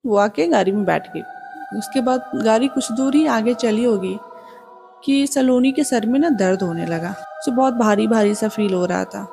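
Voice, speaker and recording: A woman's voice: on the high side, moderate pace, gravelly. A woman casually retelling a true horror story as the channel's storyteller. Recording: music playing behind the voice.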